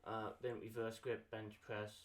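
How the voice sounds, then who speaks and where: A man's voice: on the low side, completely flat delivery, measured pace. A young man hosting a casual podcast chat, rambling and swearing freely. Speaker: podcast host.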